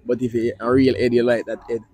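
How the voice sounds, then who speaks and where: A man's voice: mid-range voice, little pitch movement, fast, no echo. Playful young man interviewing on the street. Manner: playful, teasing, loud bursts. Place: outdoors on a street at night. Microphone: handheld mic.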